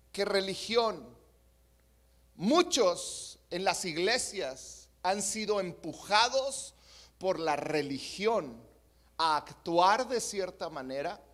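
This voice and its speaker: A man with a Mexican Spanish accent preaching a sermon in an earnest way, swinging from soft to emphatic. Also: very high voice. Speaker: pastor.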